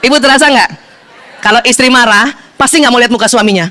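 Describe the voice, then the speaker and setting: A middle-aged woman giving a playful, animated seminar talk on marriage, speaking straight to her audience in a hall. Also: on the high side, quick pace, some chatter behind. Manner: playful, animated storytelling that addresses the audience directly.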